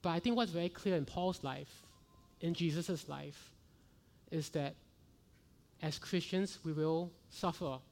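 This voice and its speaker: A middle-aged man preaches from the pulpit in an earnest sermon. His voice sits fairly high for a man, and he climbs into fervent rhetorical questions as he presses his points. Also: measured pace, creaky, long pauses, darkish tone, soft background music. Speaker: pastor.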